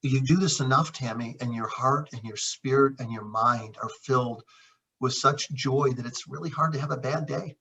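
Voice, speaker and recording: A man's voice: mid-range voice, moderate pace, vocal fry, sharp tone, slightly rough. A middle-aged man, a naturopath and chiropractor, telling personal stories in an earnest, reflective conversational way, often calling his co-host by name. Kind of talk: heartfelt conversational storytelling. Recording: dull lo-fi sound.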